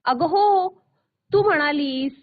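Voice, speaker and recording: A woman's voice: high voice, takes it slowly, pitched above the performer's own voice. Woman voicing a sly, teasing big sister. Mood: innocent. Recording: tinny phone-like sound.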